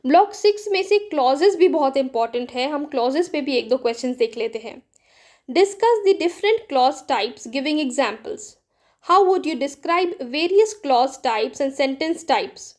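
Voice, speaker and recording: Woman, exam-prep tutor, high voice, drawn-out measured reading, quick chatty asides. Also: expressive, darkish tone. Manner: reads questions slowly and evenly, then gives quick casual asides. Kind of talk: exam-prep lesson, reading questions aloud.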